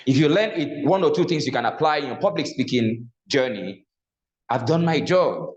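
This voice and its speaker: Teaching public speaking with a Nigerian accent, a man delivers a classroom lecture in which he frequently asks the room something and then answers it on his own. His medium-pitched voice is expressive and moderately paced, captured in an echoey room with slightly dull sound.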